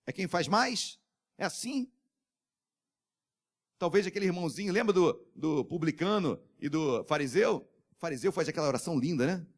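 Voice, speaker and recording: A Brazilian Portuguese-speaking man preaching a sermon, swinging between loud calls to the church and soft, low asides, and calling for amens. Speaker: pastor.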